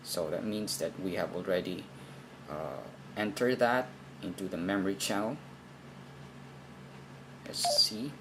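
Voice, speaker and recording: A man demonstrates radio programming without a script, reasoning aloud in unsure phrasing. His voice sits low and he speaks unhurriedly with frequent pauses, over the steady background noise of a noisy amateur recording.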